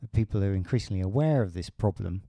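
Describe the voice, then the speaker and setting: A man's voice: fairly low pitch, animated, quick pace, vocal fry, warm tone, no room sound. A middle-aged British man talking in a casual podcast conversation, hesitant with many restarts and fillers. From Britain.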